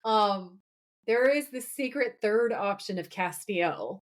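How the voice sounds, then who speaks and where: A woman's voice: medium pitch, animated, takes it slowly. A woman co-hosting a podcast, chatting casually and enthusiastically with lots of fillers. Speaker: podcast co-host. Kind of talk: casual chat.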